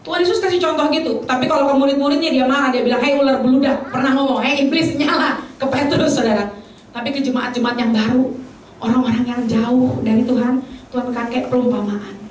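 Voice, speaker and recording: A woman preacher giving a lively sermon to a congregation, slipping into English phrases and short bursts of song. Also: sits high, a little hiss or hum. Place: church hall. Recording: very echoey hall from a distance.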